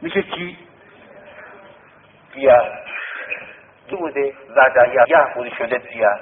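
A man's voice: mid-range voice, a little hiss or hum. A man teaching a classroom lesson, repeating words and quizzing his students over and over. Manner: repetitive, drilling students with questions. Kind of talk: classroom lesson on Arabic word roots. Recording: tinny lo-fi classroom recording with long reverb.

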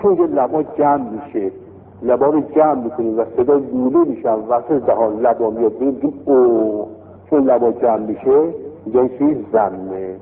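A man teaching a classroom lesson on Arabic vowel marks, explaining lively and repeating key terms with rising emphasis. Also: mid-range voice, gravelly. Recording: lo-fi phone-like recording in a reverberant hall with faint noise.

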